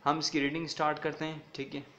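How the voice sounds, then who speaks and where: A male teacher giving a recorded classroom lesson. He mixes Hindi-Urdu with English, reads each English line slowly, then explains it, and keeps checking with "ठीक है ना". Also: on the high side, completely flat delivery, bright, forceful tone, a little hiss or hum. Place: recorded video lecture.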